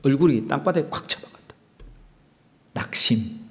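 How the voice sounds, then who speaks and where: A man's voice: medium pitch, animated, normal speed. A male pastor with a Gyeongsang Korean accent, delivering a sermon and asking the congregation rhetorical questions.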